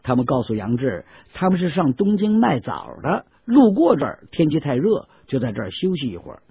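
Guy narrating an audiobook, husky highish voice, dull dry lo-fi sound. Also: a little fast. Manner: lively, expressive telling. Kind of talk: storytelling narration.

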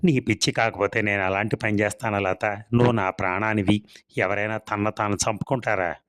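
A man's voice: fairly low pitch, steady tone, moderate pace, fairly bright tone, no echo, clean studio sound, close to an everyday voice. A man reading a storybook serial, voicing a charming, manipulative village landlord who laughs things off. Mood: coaxing. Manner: smooth, coaxing, laughs things off.

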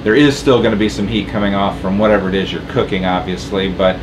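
A man's voice: low voice, fairly even intonation, fast talker, background noise. A man in his forties talking casually with lots of ums while explaining a boat galley project to a camera a few feet away. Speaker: boat owner vlogger. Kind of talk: casual how-to vlog. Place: boat galley, small indoor cabin. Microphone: camera on tripod a few feet away.

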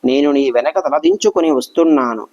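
A man voicing an eager, excited young granddaughter. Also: on the high side, brisk, highs cut off, lightly acted.

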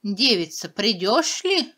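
A woman's voice: mid-range voice, very animated, slow pace, pushed and bright, exaggerated voice. A woman voicing a bossy old fairy-tale witch with a commanding manner. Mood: demanding.

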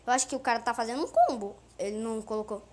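A young woman with a Brazilian accent talks over her own game as she plays. Her voice sits high, and she loops words over and over in a sing-song, joking way. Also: very fast, darkish tone. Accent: Brazilian Portuguese. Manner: playful, sing-song repeating of words, laughing. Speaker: gaming youtuber. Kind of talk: casual gameplay commentary.

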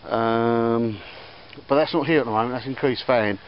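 Filming in his garden and workshop, a medium-pitched man talks at a moderate pace about things he picked up at auction. It's a loose, casual chat, heavy on ums and restarts. Church bells and faint outdoor sounds come through the slightly dull camera audio, along with faint background noise.

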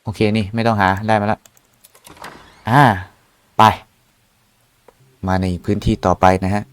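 A man's voice: lowish voice, flat delivery, unhurried, clear, resonant tone. A young man casually commenting while playing a horror game, jumpy and exclaiming often. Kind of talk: casual let's-play commentary.

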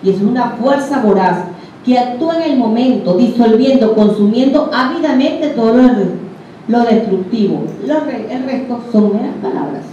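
Teaching a group conversationally, a woman with a Venezuelan accent often turns to her audience with questions. She speaks at a moderate pace in a slightly high voice with a dark tone. A little hiss or hum sits under the echoey room sound, captured by a distant, dull mic.

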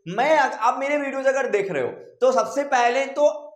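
A man's voice: very high voice, moderate pace. A male coaching teacher giving assertive, confident admissions advice straight to his students. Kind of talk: direct-to-camera advice video. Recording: echoey room.

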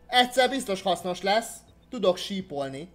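A man giving playful let's-play commentary, chatting to game characters and bursting into loud exclamations. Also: high voice, expressive, soft background music.

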